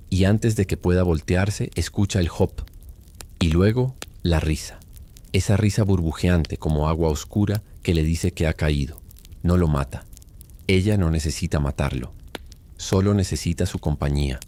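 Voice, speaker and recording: Brief: male storyteller, very low and dark voice, calm bedtime narration.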